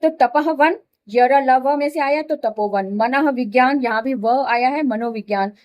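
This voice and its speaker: A woman's voice: sits high, measured pace, a little mellow. A woman teaching Hindi grammar, explaining each rule step by step, repeating examples and checking that students follow. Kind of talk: classroom explanation.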